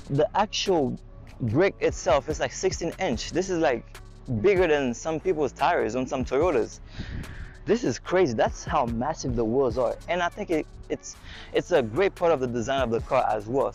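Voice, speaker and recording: Excited man hyping a car outdoors. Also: medium pitch, moderate pace, soft background music. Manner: excited, enthusiastic hype talk. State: slightly out of breath in the heat. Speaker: car reviewer. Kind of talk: casual car walkaround review. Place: outdoors on a car dealership lot.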